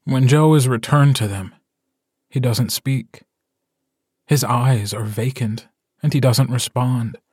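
A man narrating a short story as an audiobook, in a calm, measured storytelling voice. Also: mid-range voice, husky, no echo, clean studio sound.

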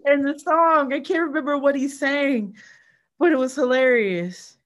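A woman's voice: high voice, unhurried. A woman co-hosting a podcast, chatting casually and laughing often. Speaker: podcast co-host. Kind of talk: casual chat.

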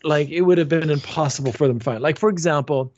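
A man's voice: a little high, fast, a little mellow, no room sound, lo-fi sound. A man in casual podcast chat, rambling with frequent restarts and fillers. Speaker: podcast co-host.

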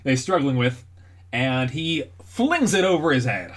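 A young man with a mid-range voice, talking in a relaxed, casual way as he recaps a TV episode with a friend. He chuckles often and now and then jumps into a squeaky voice to play a character. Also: measured pace. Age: young adult. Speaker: podcast co-host.

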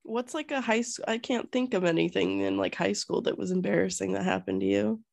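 A woman's voice: mid-range voice, a little fast, gravelly, a little mellow, no echo. A woman co-hosting a podcast in casual chat, telling stories and teasing her friend with plenty of swearing. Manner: profane, teasing, storytelling. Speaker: podcast co-host.

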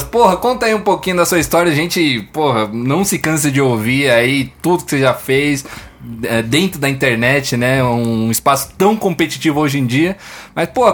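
A man with a Brazilian accent hosting a live podcast chat, energetic, laughing and shouting often. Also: a little high, a little fast. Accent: Brazilian Portuguese. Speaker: podcast host.

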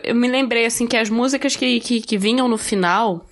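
A woman's voice: fairly high pitch, moderate pace. A Brazilian woman co-hosting a podcast, chatting casually in a slangy, joking way. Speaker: podcast co-host. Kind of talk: casual chat.

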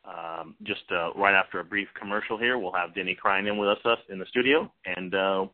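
A man hosting an informal sports talk show in a halting, repetitive, unscripted way. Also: deep voice. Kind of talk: unscripted internet radio talk. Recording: muffled narrow-band phone-like internet radio.

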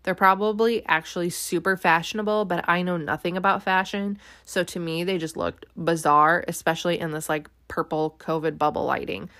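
A woman's voice: on the low side, fairly even intonation, moderate pace, hardly any pauses, a bit bright, no echo, clean studio sound. A woman casually recapping a reality show episode, chatty and wry, full of "like" and "um" fillers.

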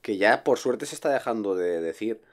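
A man's voice: lowish voice, lively intonation, normal speed. A man in a casual chat, thoughtful and hesitant with many fillers.

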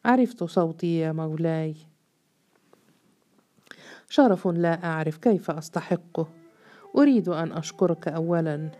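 A woman's voice: low voice, moderate pace, long pauses, dark tone, natural voice. A woman reading the lines of a bold yet shy young woman who pleads with a judge, in an earnest way.

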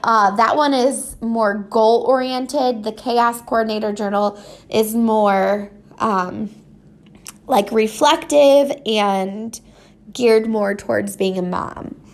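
Slow and fairly high-pitched, this solo podcast host talks informally and off the cuff about her personal habits. Allergies leave her voice congested, stuffy, and a little scratchy as she rambles.

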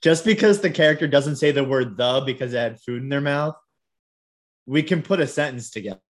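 A man talks loosely about film and TV as one of a podcast's co-hosts. His voice sits at an ordinary middle pitch. He laughs often and drifts into rambling asides. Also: brisk. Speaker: podcast co-host. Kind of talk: casual chat about TV and film.

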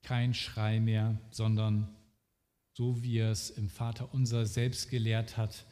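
Male preacher, slow and earnest sermon, talks right to you, long echoey reverb. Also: on the low side, flat delivery, dark tone. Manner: slow, earnest, direct address to listener.

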